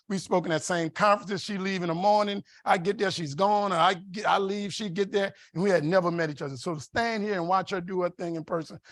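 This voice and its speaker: A man with a notably high voice delivers an after-dinner keynote at a conference, emphatic and preacherly as he tells his stories. The sound is dry and close, with no room echo. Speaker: keynote speaker. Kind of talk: motivational after-dinner speech.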